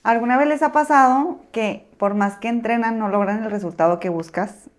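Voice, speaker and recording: A woman's voice: a little high, normal speed. A woman hosting a podcast, chatting and telling a story in a conversational way. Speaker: podcast host.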